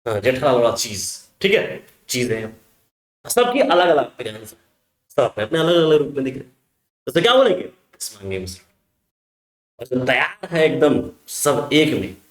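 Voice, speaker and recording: In an online class lecture, a man teaches chemistry, asking his students questions and answering them himself while calling them affectionate names. His voice is mid-range, and the room is echoey.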